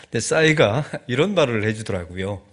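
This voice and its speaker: A middle-aged man from Chungcheong with a Chungcheong Korean accent, preaching a lively, joking sermon as a guest pastor in a church. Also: mid-range voice, moderate pace. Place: church sanctuary.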